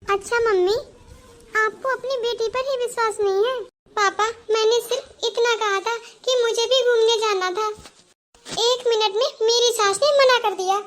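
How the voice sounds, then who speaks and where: A woman voicing a headstrong young bride in a cartoon, talking back sharply in a very high voice. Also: fairly even intonation, measured pace, fairly bright tone, a little hiss or hum. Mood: defiant. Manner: defiant, talks back sharply. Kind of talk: Hindi cartoon voice acting.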